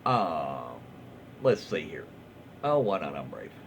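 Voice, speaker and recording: Slow and very animated, this bass-voiced man from the southern United States reads online stories casually in a Southern American accent. He stumbles on words and adds off-the-cuff commentary in a folksy, informal way, over muffled lo-fi audio with faint background noise.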